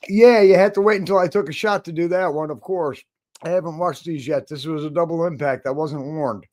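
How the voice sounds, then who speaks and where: A man with a fairly high, slightly mellow voice hosts his channel, reacting to videos sent in by viewers. He talks a little fast, offering casual, joking commentary in an offhand, chatty manner.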